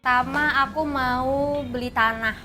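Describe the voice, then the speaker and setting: A woman's voice: high-pitched, fairly even intonation, measured pace. A young woman in her early twenties, a student, answering interview questions in a chatty, casual way. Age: 21-ish, early 20s. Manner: chatty, often adds "guys". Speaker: student and café worker interviewee. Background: background music.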